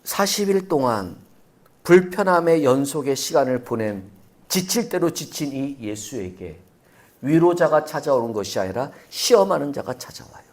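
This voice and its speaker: A man preaching a sermon as pastor, animated and full of rhetorical questions to the congregation. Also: mid-range voice. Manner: animated, many rhetorical questions, acts out voices.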